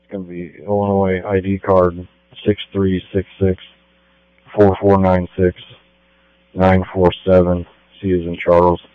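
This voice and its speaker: A deep-voiced man speaks over a police radio in a level, even tone. His delivery is clipped and procedural, and he spells out letters with the phonetic alphabet. The dull, dry transmission carries a faint mains hum. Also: measured pace, smooth, dry recording. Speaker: police officer. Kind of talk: radio call-in.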